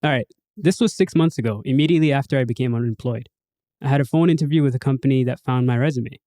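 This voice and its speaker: A man hosting a podcast, reading listener stories aloud and chatting casually between them. His voice sits at a middle pitch for a man, and he moves into a bigger, announcer-like delivery when he signs off. The sound is dry and close-miked. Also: fast, dark tone, dry recording. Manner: switches into a bigger host voice for sign-offs.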